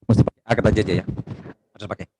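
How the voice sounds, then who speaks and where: A man preaching a sermon with passion, rising to loud exclamations and dropping to low asides, joking casually with the congregation. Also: steady tone, rapid-fire, a little hiss or hum, low-quality recording. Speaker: pastor. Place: church service streamed online.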